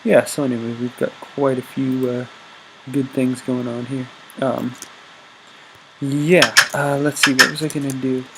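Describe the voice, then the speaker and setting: Chatting through a video game, a young man on YouTube gives rambling, upbeat Let's Play commentary, peppered with ums and constant corrections of himself. His medium-pitched voice sounds a little congested and stuffy, delivered flatly at a measured pace. It's recorded on a desk mic with a faint hiss underneath.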